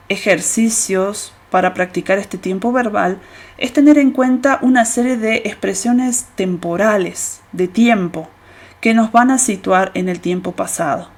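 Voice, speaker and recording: A woman teaching English grammar in a slow, careful way, pausing often with hesitations. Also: mid-range voice. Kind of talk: explaining grammar to students.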